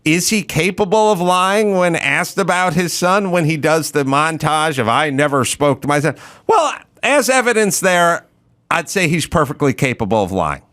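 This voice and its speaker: A man's voice: a little high, animated, normal speed, fairly bright tone. A man in his fifties hosting a podcast interview, talking in a sardonic, emphatic way. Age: 50s. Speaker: podcast host. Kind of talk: conversational interview.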